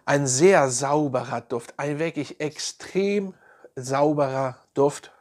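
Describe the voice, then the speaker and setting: A man's voice: a little high, slow pace, a little mellow. A man reviewing fragrances in a casual, enthusiastic way, piling on slangy praise. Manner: enthusiastic, repeats slang praise like "nice" and "geil".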